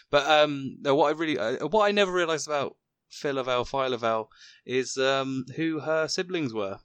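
A British man chats about comics in a relaxed podcast, his voice bright and forward. He hesitates often, restarting sentences and filling gaps with ums. The recording is dry and close. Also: a little high, a little slow, smooth, no room sound. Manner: hesitant, many restarts and ums, laughs at himself. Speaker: podcast co-host. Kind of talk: casual chat about comics.

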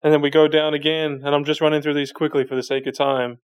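A man with a slightly higher voice gives a Bible teaching from the pulpit. He reads a verse, then unpacks it in an everyday, conversational way, pausing to hunt for chapter and verse. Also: flat delivery, clean tone, highs cut off. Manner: reads scripture aloud, then explains it in plain conversational terms; frequent restarts while searching for verses. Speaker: preacher.

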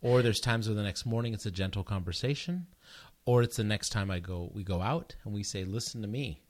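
A middle-aged man co-hosting a podcast in a casual, conversational way, with an animated, joking, playful manner. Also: lowish voice, brisk, no echo. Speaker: podcast co-host.

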